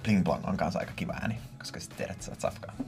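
A man's voice: low voice, gravelly, music in the background. A man in his thirties co-hosting a podcast, joking playfully and imitating sounds in casual chat. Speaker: podcast co-host.

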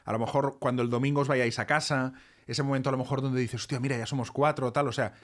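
A man's voice: mid-range voice, fairly even intonation, quick pace. A man, co-hosting a podcast in casual chat, reflective with joking asides. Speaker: podcast co-host.

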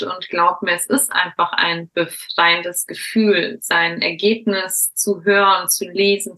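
A woman's voice: medium pitch, sharp tone, poor audio. Upbeat young woman podcast host. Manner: upbeat, encouraging, addresses listeners as a group. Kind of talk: podcast interview.

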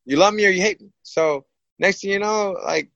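A man who is a boxer, telling stories as a guest in a casual, rambling and animated way, often repeating himself. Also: high-pitched, moderate pace, vocal fry, no echo, dull audio. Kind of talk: casual storytelling. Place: studio set, live stream.

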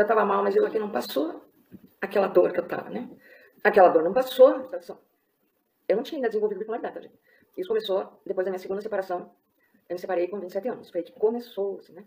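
A woman's voice: a little high, a little mellow. A middle-aged woman hosting a live stream, giving a confessional personal testimony and often checking in with her viewers. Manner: confessional, talks straight to viewers with tag questions.

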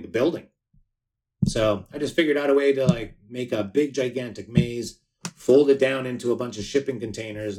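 Man, podcast guest, casual playful chat, medium pitch. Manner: relaxed storytelling, playful.

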